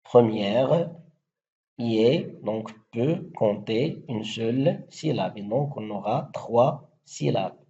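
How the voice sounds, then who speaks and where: Slow gravelly-voiced man teaching poetry. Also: medium pitch, lively intonation, dark tone. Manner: slow, deliberate, spelling out syllables and rhyme schemes. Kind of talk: explanatory lesson with recited verse examples. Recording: dull lo-fi recording.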